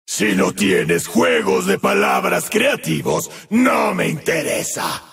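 In full character voice, an actor performs a gleefully menacing demonic clown from a party-themed video game, a killer who relishes it. His raspy, gravelly cackle carries a Latin American Spanish accent as he slowly alternates singsong taunts, manic shouts, and sudden low growls across huge pitch swings. Soft background music plays.

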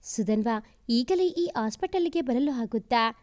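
A woman's voice: a little high, lively intonation, measured pace, a little mellow, no room sound, clean studio sound. A woman voicing a worried older father, speaking tersely and subdued in a storybook. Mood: grave. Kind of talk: storybook narration.

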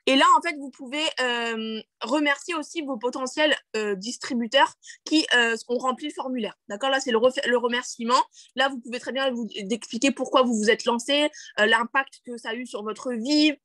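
A woman on the high side in pitch, with a sharp tone and moderate pace, leads a screen-share tutorial on a video call without room sound. She's a network marketing team leader, chatty and full of fillers and restarts, who checks in with "d'accord?" and jokes about her own English.

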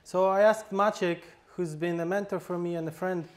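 A man's voice: sits high, fairly even intonation, moderate pace. A man with a Polish accent, a fire instructor, speaking informally at a workshop, with hesitant fillers and restarts. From Poland. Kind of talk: conference talk, informal. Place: workshop hall.

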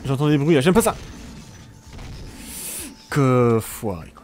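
Lively French-speaking man commenting a game. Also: mid-range voice, takes it slowly, soft background music. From France. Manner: joking, exclaims at the action, talks to viewers. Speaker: let's play commentator. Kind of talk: casual gameplay commentary.

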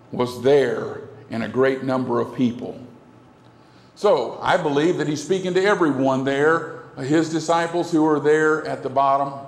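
A gravelly, mid-range voice belongs to a middle-aged pastor preaching at a pulpit microphone with broad gestures and earnest repetition. A far camera records him, and the church hall echoes heavily.

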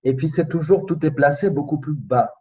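Soft-spoken man with a slight Spanish accent. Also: fairly high pitch, recorded from a distance, highs cut off. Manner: reflective, searching for words, many pauses. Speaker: guest. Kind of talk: casual conversation.

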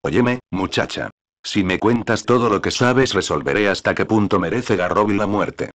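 A man reading a stern ship captain, vengeful, commanding, deep low voice, dry close sound. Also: moderate pace, fairly bright tone, no echo, lightly acted.

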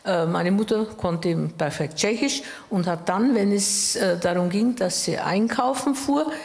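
This is a woman around eighty from Bohemia in the Czech Republic, a guest being interviewed on stage in a wood-panelled hall, recounting personal memories through a handheld mic. Her mid-range voice is gravelly and darkish, and she speaks unhurriedly, thoughtfully, with hesitations and self-corrections. Sound echoes through the hall.

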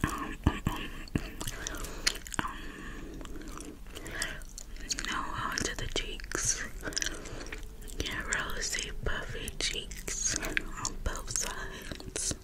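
A woman doing a whispered role-play in a breathy, close-up ASMR whisper with tingly mouth sounds, rambling gently and apologetically. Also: extremely slow, long pauses. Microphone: close-up microphone.

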